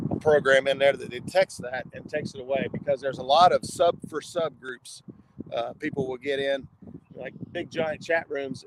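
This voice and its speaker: A man with a gravelly voice chatting casually and in a folksy way as he hosts an outdoor fishing livestream, sometimes reading comments aloud. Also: medium pitch. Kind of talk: casual live chat while fishing. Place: outdoors on a riverbank. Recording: noisy outdoor livestream with traffic sounds.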